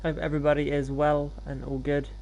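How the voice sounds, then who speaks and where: A man's voice: a little high, monotone, brisk, a little mellow, slight background noise, rough recording. A man hosting a gaming livestream, talking in an informal, laid-back, self-deprecating way as he commentates. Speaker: live streamer hosting gameplay.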